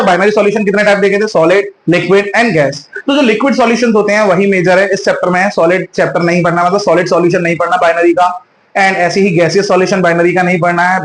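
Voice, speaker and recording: A man teaching a chemistry class in with terms. He asks the students questions and answers them himself, and stretches out key terms slowly. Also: high-pitched, echoey room, rough recording. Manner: drawn-out, slow spelling of key terms. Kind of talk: online class lecture.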